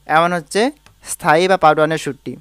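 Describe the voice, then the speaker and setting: Faint music sits behind this clean, fairly bright, steady voice, which is on the high side and quick. A man with a Bengali accent explains a devotional song patiently on the harmonium, demonstrating with short sung phrases.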